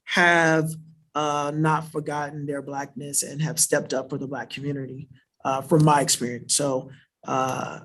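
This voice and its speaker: An invited panelist from South Florida, USA, gives an unscripted answer to an audience question in a church worship center. His higher voice is flat, unhurried, and a bit bright, and he explains things earnestly, often adding a questioning "right?"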